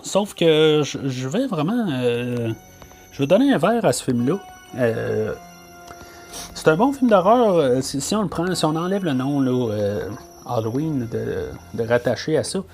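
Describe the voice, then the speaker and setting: A man's voice: mid-range voice, sing-song, measured pace, a little mellow, faint music behind. Hesitant Québécois man reviewing a film. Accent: Québécois French. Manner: hesitant, many fillers and restarts. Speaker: podcast host.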